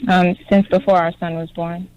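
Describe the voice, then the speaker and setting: A woman in her twenties who calls in to an advice show and gives short, quiet answers. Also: on the low side, level tone, normal speed, dull audio. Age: 20s. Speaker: caller.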